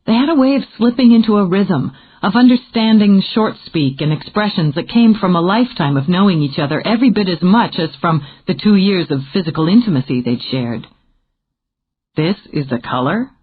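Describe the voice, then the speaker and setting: A woman narrating a novel in an expressive, measured storytelling manner. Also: medium pitch, slightly rough. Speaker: audiobook narrator. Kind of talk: scripted narration. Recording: tinny phone-like audio.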